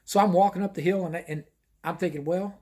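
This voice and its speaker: A man's voice: high voice, steady tone, fast talker, a little mellow. A man telling a casual first-person anecdote, rambling and often repeating himself. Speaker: storyteller.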